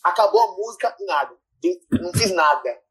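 Husky-voiced young Brazilian man, animated storyteller, self-deprecating. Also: high-pitched, a little fast, poor audio. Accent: Brazilian Portuguese. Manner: animated, self-mocking, swears freely. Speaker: guest storyteller. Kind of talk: casual podcast anecdote.

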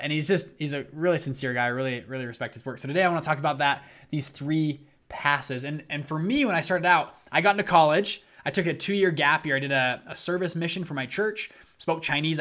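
A man in his twenties hosting a podcast in casual solo talk, energetic and upbeat, often tagging his points with "right?". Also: on the high side. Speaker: podcast host.

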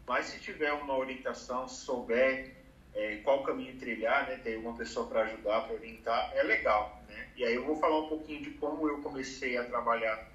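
A man's voice: mid-range voice, steady tone, a little fast, a bit bright, echoey room, recorded from a distance, muffled recording, a little hiss or hum. A man in his thirties from Brazil, talking casually about career planning with many fillers. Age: 30s. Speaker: advertising professional giving career advice. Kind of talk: casual conversation.

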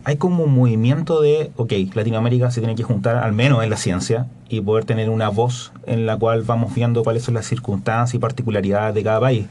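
A man's voice: mid-range voice, steady tone, a little fast, few pauses, dark tone. A man co-hosting a casual podcast, an engaged questioner. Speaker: podcast co-host.

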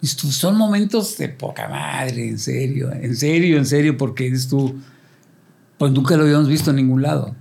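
An older man telling lively stories as a band member, acting out quoted voices and sound effects in casual talk. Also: mid-range voice, normal speed, gravelly. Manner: animated storyteller, acts out quotes and sound effects. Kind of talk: casual storytelling interview.

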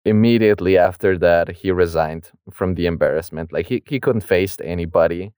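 A man's voice: deep voice, a little mellow, clear, resonant tone, no room sound, studio quality. A young man co-hosting a podcast, casually retelling a book's plot in a chatty, slangy way. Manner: chatty, slangy retelling with laughs and quick voiced asides. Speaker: podcast co-host. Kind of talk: casual book discussion.

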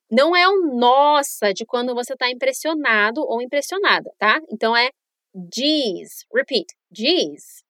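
Casting High-pitched woman podcast teacher, clear and encouraging, dry close sound. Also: bright, forceful tone, no echo. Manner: clear, upbeat teacher modeling phrases for repetition. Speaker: English teacher, podcast host. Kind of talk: bilingual language lesson podcast. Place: lives in New Zealand.

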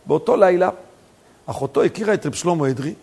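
Male rabbi preacher with a high, husky voice, animated storytelling sermon. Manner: animated storytelling, rising to near-shouts for emphasis. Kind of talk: sermon with stories.

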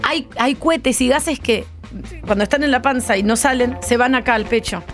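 A woman with a Rioplatense Spanish accent co-hosts a radio show in lively banter. Her voice sits a little high, and she talks in a chatty way full of dramatic exclamations. Faint music plays underneath. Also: normal speed. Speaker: radio co-host.

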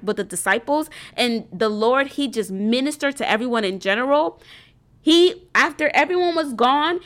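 A woman hosting a faith and business group, talking casually and earnestly to her viewers, rambling a little with many ums and restarts. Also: fairly high pitch. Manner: preacherly and earnest.

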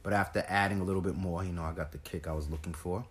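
A young man co-hosts a casual food vlog. He talks in an easygoing way and pauses often with hesitant ums. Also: low-pitched, fairly even intonation, crowd noise. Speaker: co-host.

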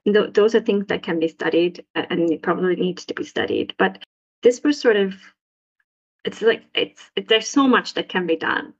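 A woman's voice: expressive, moderate pace, slightly rough. A young woman from Sri Lanka, a postdoc researcher, answering interview questions casually with many restarts and fillers. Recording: muffled low-fidelity audio.

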